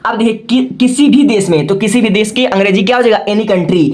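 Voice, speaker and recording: A man's voice: high voice, fairly quick, darkish tone. A male teacher giving a patient, step-by-step lesson, often checking in with "okay" and spelling words out letter by letter. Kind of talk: classroom-style lesson.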